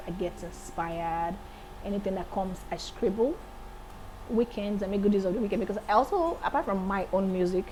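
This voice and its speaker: A woman in her late thirties, a singer and accountant, chatting as an interview guest in a lively, enthusiastic way. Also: mid-range voice, slight background noise, low-quality recording. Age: 30s. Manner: lively, laughs often, enthusiastic. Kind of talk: casual interview chat.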